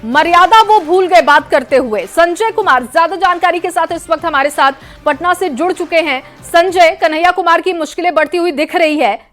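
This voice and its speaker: A woman anchoring a live TV news bulletin, brisk and emphatic, introducing reports and questioning a correspondent. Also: very high-pitched, fairly bright tone.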